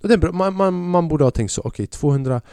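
A man's voice: high voice, mellow, dry recording, clean studio sound. A man hosting a podcast who tells a comic story in a casual, slangy style, often swearing. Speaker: podcast host.

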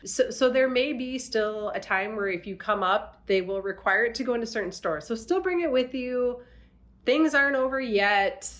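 A woman's voice: fairly high pitch, moderate pace, fairly bright tone. A woman hosting a podcast, chatting casually and informally to her listeners. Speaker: podcast host. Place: quiet, slightly echoey rental townhome room.

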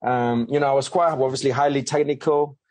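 A man whose first language is not English tells his own story as an interview guest, in a chatty conversational style full of fillers and restarts. His mid-range, slightly mellow voice moves briskly with fairly even intonation, captured in a dry recording.

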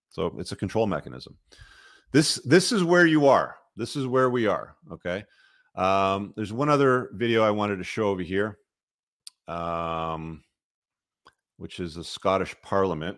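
Male livestream host, very low voice, informal and opinionated, casual conversational commentary. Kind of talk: casual live commentary to viewers.

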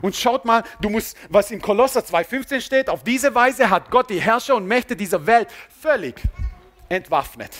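A man preaching a sermon with repetitive phrasing, swinging between loud emphasis and low, quiet asides. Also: lively intonation, normal speed. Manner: often drops to a low, quiet voice.

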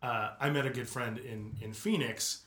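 A man's voice: mid-range voice, fairly even intonation, moderate pace, fairly bright tone, echoey room. A man joking and teasing his way through a casual podcast chat.

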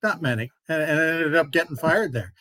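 A man hosting a sports talk show with a relaxed, easygoing manner, moving the conversation along and introducing segments. His voice sits a bit high for a man. The sound is dry and close. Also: normal speed, dry recording. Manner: relaxed, steers the show to breaks. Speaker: host.

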